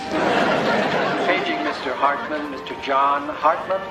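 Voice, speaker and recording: An actor playing a calm male airport paging announcer, heard as a distant, soft public-address announcement. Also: fairly high pitch, over music, crowd noise. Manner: slow, soft paging delivery.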